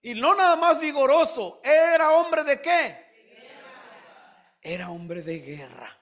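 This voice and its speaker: A male pastor delivers his sermon in a very high voice, taking his time with each phrase. He throws questions to the congregation and answers them himself. His preaching climbs into loud, fervent shouting. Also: very animated, takes it slowly. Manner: preaching with call-and-response, mimicking congregants, rising to shouts.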